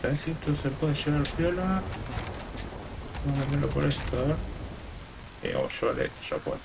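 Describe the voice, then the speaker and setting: A man's voice: a little high, animated, brisk, creaky, background noise. A man in his thirties with an Argentine accent, chatting casually while he plays a game on stream. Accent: Argentine Spanish. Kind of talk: casual chat while playing. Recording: game gunfire and rain behind. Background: war game sounds.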